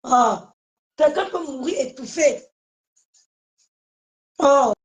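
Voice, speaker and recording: A woman's voice: sits high, animated, very slow, low-quality recording. A woman hosting a casual live stream, speaking emphatically to her viewers and often repeating her phrases.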